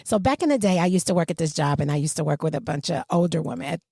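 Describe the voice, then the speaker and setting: A woman with a slight Southern accent hosts a casual podcast chat and tells stories with a lively, swooping pitch. She talks to her listeners directly in a playful, animated way. Her voice is close and dry, with no room sound. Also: fast, gravelly, husky, no echo. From Michigan. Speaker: podcast host. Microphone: studio microphone.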